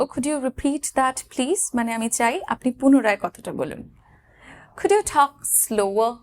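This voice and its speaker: A woman with a Bengali accent teaching English phrases, explaining patiently and saying each example slowly. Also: sits high. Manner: clear, patient, slow when modelling English lines.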